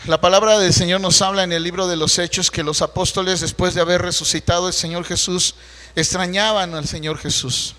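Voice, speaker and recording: A man's voice: high voice, steady tone, a little fast, bright, forceful tone, in a large hall. A man, a pastor preaching a Sunday sermon in a conversational, storytelling way full of rhetorical questions, heard in a church. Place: church sanctuary.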